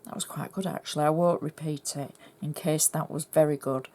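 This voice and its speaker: A woman's voice: low voice, steady tone, fairly quick, warm tone. A middle-aged woman with a Yorkshire accent, chatting through a cardmaking tutorial and explaining each step as she works. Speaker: craft tutorial host.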